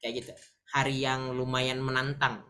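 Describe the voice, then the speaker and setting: Casting: woman, low voice, relaxed chatty teacher walking viewers through examples. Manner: chatty, addresses viewers as friends, explains slowly with examples. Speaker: English teacher. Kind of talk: casual online English lesson.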